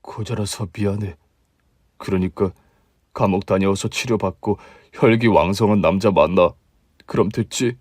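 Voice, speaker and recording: A man's voice: deep voice, steady tone, normal speed, darkish tone, no room sound, pitched below the performer's own voice. A man voicing a young husband who speaks in a dry, resigned, cutting way in a radio drama.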